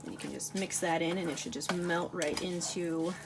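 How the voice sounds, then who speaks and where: Stirring a pot in her home kitchen, a cooking channel host chats casually for her video, filling her talk with lots of fillers. Her voice sits on the low side with a steady tone and normal speed. Kitchen noise is audible, with frying and stirring in the background.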